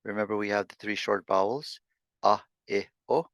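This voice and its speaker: A man teaching an online language lesson over a video call, sounding out syllables slowly with many halting restarts. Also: on the low side, a bit bright, no echo.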